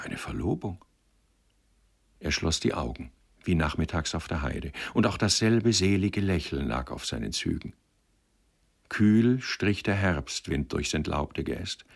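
Deep, gravelly male reader. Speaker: audiobook reader. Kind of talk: literary narration.

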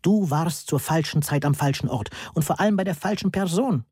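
A man's voice: a little high, a little fast, darkish tone, slightly rough, no room sound, clean studio sound, voice pushed up. A man reading the part of a kindly older male professor who speaks in an encouraging way.

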